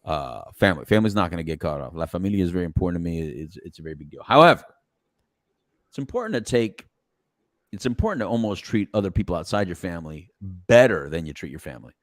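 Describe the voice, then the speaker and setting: A middle-aged man hosting a podcast in casual chat, animated and rambling, laughing often as he talks. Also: sits low, quick pace, no echo, clean studio sound. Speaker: podcast host.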